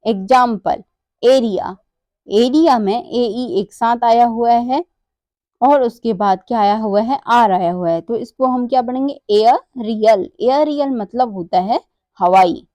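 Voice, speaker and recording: A woman teaches English pronunciation at a slow, deliberate pace. Her voice sits a little high, and she spells words out letter by letter before answering her own questions. The recording is dry and close. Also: mellow, no room sound.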